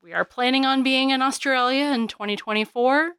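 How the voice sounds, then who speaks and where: A woman's voice: high-pitched, brisk, a bit bright, clean tone, no room sound. A woman co-hosting a podcast, chatting about a film trailer in an enthusiastic, talkative way. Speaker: podcast co-host. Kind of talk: casual podcast chat.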